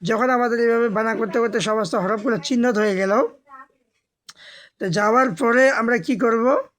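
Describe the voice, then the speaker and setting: A woman teaching Quran reading. She spells each word letter by letter, chants the words slowly and drawn out, and explains patiently and repetitively to her learners. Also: fairly high pitch. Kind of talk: step-by-step recitation lesson.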